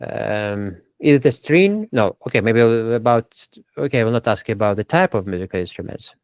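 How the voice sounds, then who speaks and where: Low-voiced man teaching pronunciation. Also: lively intonation, normal speed, no echo. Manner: hesitant, repeats words to model pronunciation. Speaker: English teacher. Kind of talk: online language lesson.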